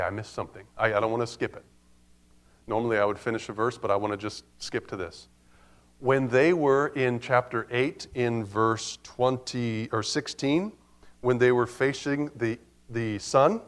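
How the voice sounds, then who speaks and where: A man preaching an expository Bible sermon, swinging between loud emphatic passages and quiet asides, checking in with his listeners and correcting himself aloud. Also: medium pitch.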